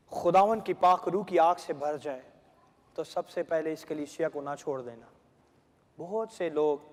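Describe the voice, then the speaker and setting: A man preaches in a high, light voice, his slow sermon phrases ringing out with the long reverb of a church hall. He pauses between phrases, and at times he breaks into fast, rhythmic prayer in tongues. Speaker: pastor.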